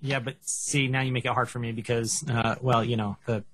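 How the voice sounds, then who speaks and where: A man co-hosting a casual music review show, talking in an animated, joking way into a headset mic. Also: mid-range voice, a little fast. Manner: animated, joking, breaks into song snippets and shouts. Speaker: podcast co-host reviewing music. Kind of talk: casual chat.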